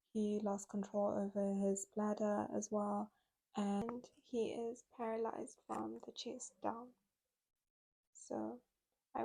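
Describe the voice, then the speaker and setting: A woman retells a true crime case in a casual, conversational way. Her pitch stays level, with little rise and fall. Her voice is mellow and subdued. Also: vocal fry, breathy edge, poor audio. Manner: conversational, recounting with quoted speech.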